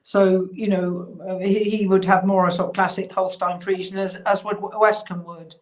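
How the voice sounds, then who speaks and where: A woman's voice: mid-range voice, flat delivery, normal speed, a little mellow. A woman talking as a guest over a video call, explaining thoughtfully with frequent fillers. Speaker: cheesemaker guest. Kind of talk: casual interview chat.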